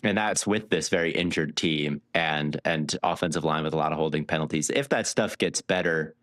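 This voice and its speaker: A man co-hosting a casual sports podcast, walking through stats with lively analysis. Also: a bass voice, normal speed, no echo, clean studio sound. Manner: stat-heavy, animated analysis. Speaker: podcast co-host.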